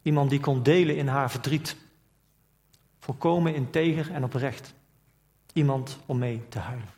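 A man's voice: mid-range voice, moderate pace, a little mellow. A man preaching a sermon, asking reflective questions and reading scripture aloud in old formal wording. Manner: reflective, asks rhetorical questions.

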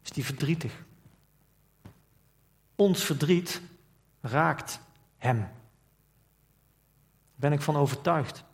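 A man's voice: a little high, takes it slowly, pauses often. A man preaching a sermon, asking reflective questions and reading scripture aloud in old formal wording. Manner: reflective, asks rhetorical questions.

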